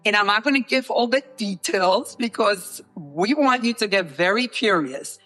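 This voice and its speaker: A woman's voice: medium pitch, animated, normal speed, a bit bright, soft background music. Enthusiastic woman from the Dominican Republic. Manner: enthusiastic, emphatic, repetitive. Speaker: guest, co-founder of a leadership program. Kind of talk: interview answers.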